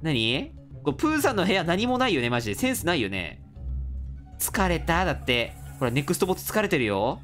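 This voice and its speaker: Gaming host, woman, lower pitch with very animated swings, playfully rallies the players. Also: a little fast, soft background music. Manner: playful, reads game text aloud and rallies the other players. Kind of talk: game commentary.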